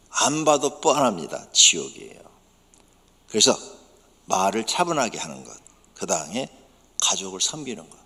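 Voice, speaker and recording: A man preaching a sermon as pastor, emphatic, dropping to soft low asides and rising to sudden loud bursts. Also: husky. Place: church sanctuary. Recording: church sanctuary with long reverb.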